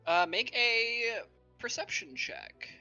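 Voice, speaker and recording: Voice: mid-range voice, animated, slow pace, creaky, pushed and bright, muffled recording, soft background music. A game master narrating a tabletop game in a loose, filler-heavy way.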